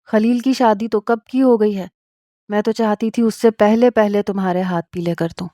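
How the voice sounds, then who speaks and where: A woman's voice: mid-range voice, steady tone, dark tone, dry recording, studio quality, close to an everyday voice. A woman voicing a practical, worried middle-aged mother in a spoken story, pressing with questions.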